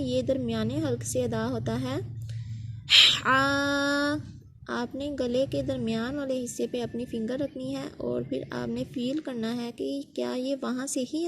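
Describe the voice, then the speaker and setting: Against a noisy background, a high-pitched woman works through the pronunciation of Quran letters. Her approach is patient and gradual, and she says every sound again as a model for students.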